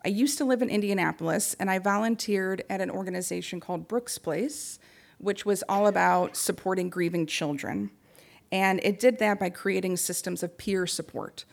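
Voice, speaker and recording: A young woman with a mid-range, gravelly voice offers a prepared talk on supporting those in grief. She speaks softly and pauses often.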